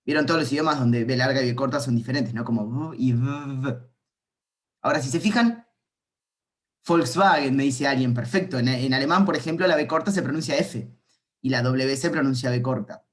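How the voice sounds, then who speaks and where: A man's voice: mid-range voice, normal speed. A man, a university calculus lecturer giving an informal online class, playful and rambling as he thinks aloud.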